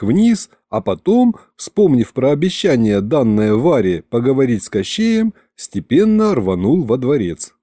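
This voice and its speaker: A man narrating a humorous fantasy audiobook with lively storytelling intonation. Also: mid-range voice, no echo, studio quality. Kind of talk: scripted narration.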